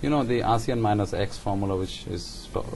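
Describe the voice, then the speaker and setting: Male interviewer, fairly low voice, probing but conversational questions, faint noise behind. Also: a little fast, creaky, a little mellow, poor audio. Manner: conversational, probing, rephrases and sums up.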